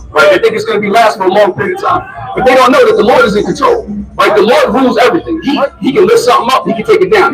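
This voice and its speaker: A man's voice: very high voice, distant mic, poor audio. A man preaching in the street, emphatic, pressing listeners to answer him back.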